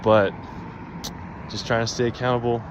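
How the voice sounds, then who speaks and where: A man's voice: mid-range voice, little pitch movement, normal speed, highs cut off, background noise. A man who is a native English speaker, keeping a casual video diary of his language learning and practising phrases. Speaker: language learner vlogging daily progress.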